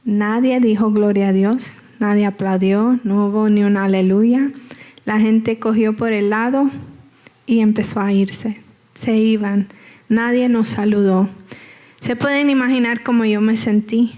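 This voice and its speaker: A woman's voice: medium pitch, fairly even intonation, a little slow, warm tone. Woman telling her church testimony. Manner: conversational, repeats phrases, asks the audience for agreement. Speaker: guest speaker giving testimony.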